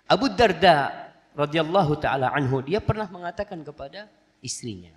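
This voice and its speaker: The Islamic preacher's fairly high voice moves at a normal speed, followed by a long reverb tail. He narrates animatedly during the sermon and performs the voices of the figures in his stories.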